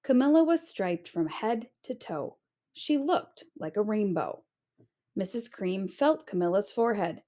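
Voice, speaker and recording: Female storybook narrator, teacher style: mid-pitched, highly animated, dramatic emphasis. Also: a little slow. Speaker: teacher reading a picture book aloud. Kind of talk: expressive scripted storybook narration.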